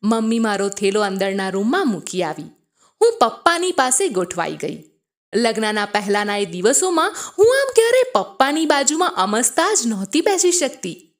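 A woman tells a first-person family story with an expressive, storytelling delivery. Her voice sits high and moves through a wide, lively pitch range.

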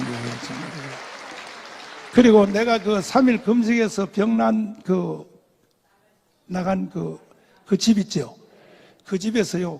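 An older man preaching a testimony sermon, emphatic and repetitive, dropping to murmurs and then rising to shouts. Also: fairly high pitch, creaky. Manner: emphatic, repeats phrases, swings between murmurs and shouts. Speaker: pastor.

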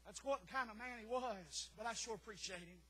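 Fervent preacher man, high bright voice. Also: fairly quick, slight background noise, rough recording. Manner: fervent, rises to shouts then drops low, frequent "uh" fillers. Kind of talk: sermon. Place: church sanctuary.

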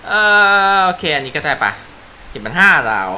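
A man's voice: medium pitch, sing-song, normal speed, pushed and bright, a little hiss or hum. A Thai man giving casual, profane commentary while playing a racing game, laughing at his own mistakes. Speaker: gaming YouTuber. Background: car engine and game ambience.

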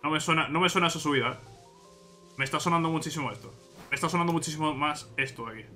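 A man with an accent from Spain gives relaxed let's-play commentary, muttering to himself and his viewers, then breaking out in excited shouts. His voice is fairly high and very bright and cutting, with faint music underneath. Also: very fast. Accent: Spain Spanish. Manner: chatty, talks to himself and viewers while playing, bursts of excitement. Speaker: gaming channel host.

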